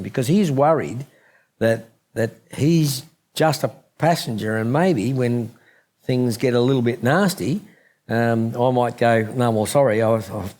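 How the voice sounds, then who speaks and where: A man's voice: mid-range voice, darkish tone. Man telling a church testimony. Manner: storytelling, acts out dialogue with fillers. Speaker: guest speaker.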